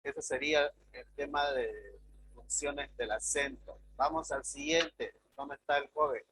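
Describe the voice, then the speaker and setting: A man's voice: medium pitch, measured pace, a bit bright, slight background noise, poor audio. A man from Bolivia teaching a class, explaining grammar and calling on students with short prompts. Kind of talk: classroom instruction.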